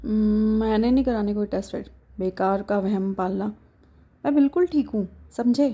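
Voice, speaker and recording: A woman's voice: mid-range voice, steady tone, mellow, lightly acted. A woman storyteller voicing a feisty young wife who insists she is fine. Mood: insistent. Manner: insistent, brisk.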